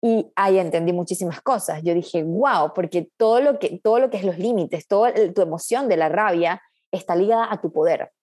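A woman's voice: fairly low pitch, brisk, hardly any pauses, darkish tone. A woman coach, a guest in a casual interview, talking in an earnest, reflective way with frequent restarts.

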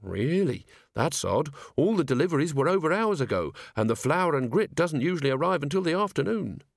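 A man's voice: on the high side, big pitch swings, brisk, creaky, dry recording, studio quality, voice pushed up, heavily acted. A man voicing a courteous, earnest young watchman who speaks politely.

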